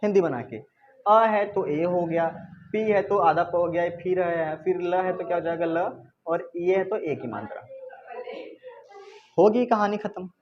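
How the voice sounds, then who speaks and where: A woman's voice: on the low side, unhurried, pauses often, dull audio, slight background noise. A woman teaching a classroom lesson who keeps checking with her pupils by asking "isn't it?" and plays with rhetorical questions. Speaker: English teacher.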